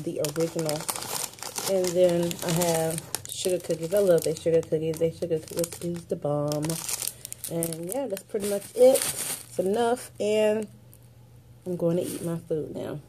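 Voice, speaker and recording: There's a noisy background behind this woman's fairly low-pitched voice. In her forties and fighting a stuffy head cold, she vlogs her day indoors across office, car and home, chatting to a phone or webcam at arm's length and laughing easily.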